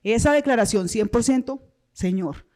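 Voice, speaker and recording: A woman's voice: a little high, lively intonation, normal speed, warm tone. A woman with a Colombian accent, a pastor teaching a church finance seminar in a preachy, personal way and acting out little dialogues.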